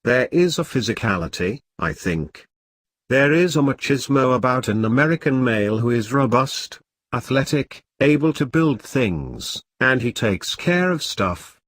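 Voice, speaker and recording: A man's voice: medium pitch, lively intonation, unhurried, fairly bright tone, no room sound. Man narrating a news article, dry. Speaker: news reader.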